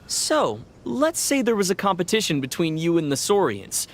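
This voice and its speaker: A woman voicing a calm young woman traveler with a dry, gently teasing manner, in video game dialogue. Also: on the low side, moderate pace. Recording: game audio with faint music.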